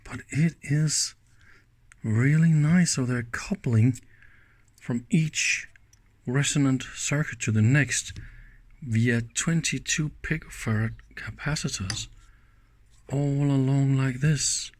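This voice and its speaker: Walking through an electronics teardown, a man speaks slowly and without hurry. His talk is casual and unscripted, hands-on commentary where he muses aloud and throws in short exclamations. His pitch is average for a man.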